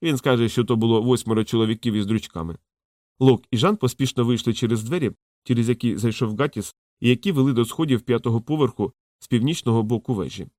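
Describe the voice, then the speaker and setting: A man narrating a fantasy audiobook in a steady, measured storytelling voice. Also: mid-range voice, no echo, studio quality. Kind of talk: scripted narration.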